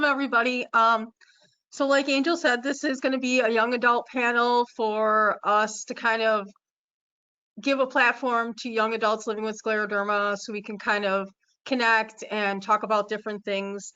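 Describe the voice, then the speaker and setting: A woman's voice: mid-range voice, sharp tone, clean tone, lo-fi sound. A woman in her thirties from the United States, moderating an online panel in a loose, friendly way. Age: 30s. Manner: friendly, loose, "kind of" phrasing. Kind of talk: casual moderating.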